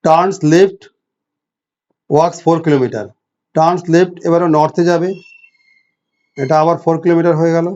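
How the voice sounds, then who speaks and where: A man's voice: on the high side, steady tone, darkish tone. Bengali-accented male teacher, dull audio. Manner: explains step by step, reads questions slowly in English. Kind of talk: online exam-prep class.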